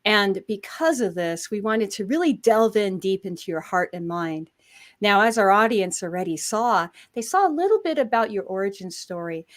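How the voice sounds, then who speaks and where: A woman hosting a talk show interview, speaking at a middle pitch. She sounds effusive and admiring, stretching out key words for emphasis.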